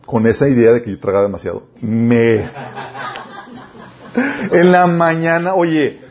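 Young guy w a mexican accent preaching to youth kids, middle pitch, tells stories, kinda muffled recording. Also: normal speed. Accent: Mexican Spanish. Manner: lively storytelling preacher, talks straight to his listeners. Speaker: youth pastor. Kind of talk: sermon.

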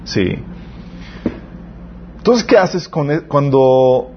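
A young man preaches to a youth group in a loose, storytelling way and keeps turning to speak directly to his listeners. His voice sits at an ordinary pitch for a man. The recording is a little muffled, with a faint hiss of noise behind him. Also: extremely slow. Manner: lively storytelling, addresses the audience directly. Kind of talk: conversational sermon.

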